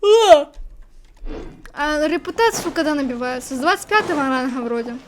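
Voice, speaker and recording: A woman's voice: high voice, animated, normal speed, slight background noise. A woman doing casual let's play commentary, exclaiming and muttering to herself, with game music behind. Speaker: gamer playing on camera or stream.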